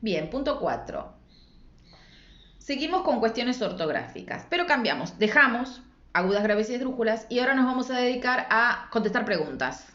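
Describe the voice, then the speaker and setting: A woman's voice: on the high side, sing-song, moderate pace, fairly bright tone. A woman teacher with an Argentine Spanish accent, explaining spelling rules in a patient, didactic way and checking in with rhetorical questions. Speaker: secondary school language teacher. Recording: echoey room, dull lo-fi sound.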